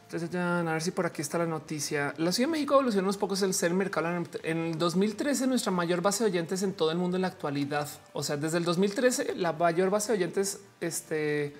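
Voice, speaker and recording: A woman's voice: lowish voice, animated, fairly quick, hardly any pauses, soft background music. Chatty woman streaming live. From Colombia. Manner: chatty and slangy, laughing often. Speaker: livestream host. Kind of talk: casual live-stream chat reading the chat.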